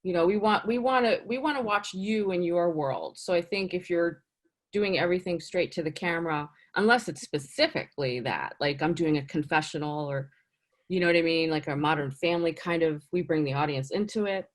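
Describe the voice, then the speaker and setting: A woman talking as a casting director in a casual interview, chatty and animated, full of "you know" and "like". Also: brisk. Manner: lively, swings up in pitch for emphasis.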